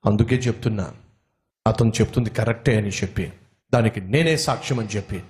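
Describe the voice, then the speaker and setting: A man playing a humble limping man, low voice, gentle, earnest. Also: brisk, close to an everyday voice. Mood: calm earnest.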